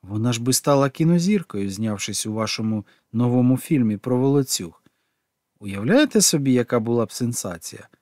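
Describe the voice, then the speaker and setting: A man's voice: mid-range voice, lively intonation, normal speed, darkish tone, no echo, studio quality, close to an everyday voice. A man voicing a showy, publicity-minded lady who talks in an effusive, scheming way.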